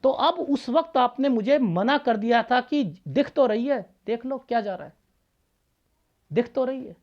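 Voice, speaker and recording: A man's voice: very high voice, animated, measured pace, muffled recording. A man, a palmist, talking casually and bluntly to his viewers, lecturing and scolding them. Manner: blunt, straightforward talk.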